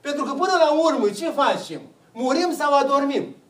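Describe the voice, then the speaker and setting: High-pitched preacher in an echoey hall. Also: male voice, expressive, distant mic. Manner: asks the listeners questions and answers them himself. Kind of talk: sermon.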